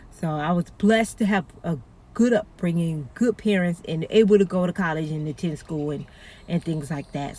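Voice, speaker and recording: A woman's voice: lowish voice, a little mellow. A middle-aged woman, a 911 dispatcher talking casually and earnestly to her viewers. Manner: chatty, earnest, warns listeners with pleading repetition. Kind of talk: casual talk to camera.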